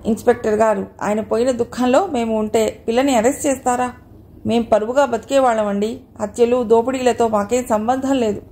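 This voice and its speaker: A woman's voice: fairly high pitch, fairly even intonation, brisk, dark tone, natural voice. A woman reader voicing a fierce, grieving widowed mother in an audio novel, pleading and lamenting.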